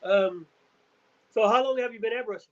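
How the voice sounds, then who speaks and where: A man hosting a podcast who asks questions in a relaxed, easygoing way. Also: sits high, normal speed, muffled recording. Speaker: podcast host. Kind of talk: casual interview chat.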